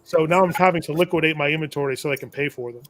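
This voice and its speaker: A man's voice: a little high, rapid-fire. A man who sells tools to shops, telling a long business story in a casual, rambling way, often correcting himself and chuckling at his own trouble. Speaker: shop owner and tool vendor. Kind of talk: casual storytelling on a live show.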